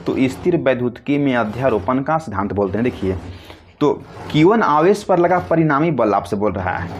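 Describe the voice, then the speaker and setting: A man's voice: medium pitch, lively intonation, a little fast, slight background noise. Man teaching physics. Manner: asks questions and answers them himself, repetitive and coaxing; calls students "babu" affectionately. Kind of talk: classroom lecture explaining a derivation.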